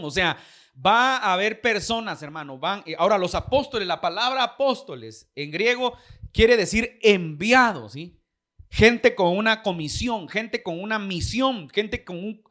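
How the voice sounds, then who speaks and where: A man's voice: sits high, fairly bright tone. A man preaching a sermon as pastor, with a Guatemalan Spanish accent, putting questions to the congregation.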